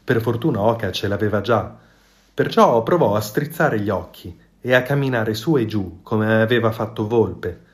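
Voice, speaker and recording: A man reading a children's storybook aloud in a calm, measured way. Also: on the low side.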